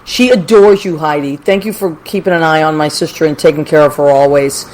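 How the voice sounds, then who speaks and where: A woman's voice: deep voice, steady tone, a little fast, darkish tone, rough recording. An American woman casually hosting a livestream call-in show, chatty and effusive, speaking affectionately with plenty of endearments. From Massachusetts, United States.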